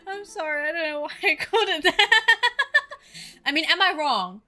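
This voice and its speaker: Woman gamer ranting and joking at her game, bright sharp voice, music in the back. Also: very high voice. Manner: loud, playful, swearing and laughing. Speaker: gaming host. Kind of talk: let's play commentary.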